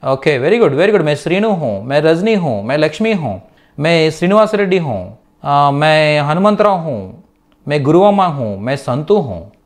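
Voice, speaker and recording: A man's voice: a little high, big pitch swings, darkish tone. Telugu-accented man teaching an online class. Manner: slow, repeats words for learners to copy; reads out students' names with praise. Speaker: Hindi teacher.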